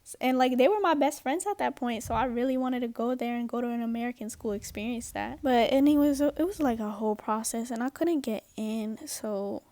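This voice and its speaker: A young woman from Japan chatting casually through a get-ready-with-me story time, slangy and upbeat with quick asides. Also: a little high, dark tone, no room sound. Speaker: vlogger.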